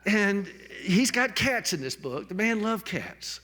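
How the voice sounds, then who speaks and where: Male speaker, slightly high voice, jokey-tender book-launch tribute on stage, stumbles and restarts. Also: big pitch swings, takes it slowly, sharp tone. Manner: jokey then tender, repeats and restarts words. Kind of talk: heartfelt public tribute speech. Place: on stage at a public event.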